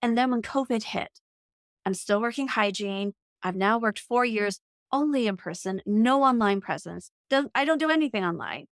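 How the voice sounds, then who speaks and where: A woman's voice: a little high, lively intonation, normal speed, no room sound, clean studio sound. A woman in her forties, a coach and podcast guest, telling her story earnestly and reflectively with many "like" fillers. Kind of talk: conversational storytelling.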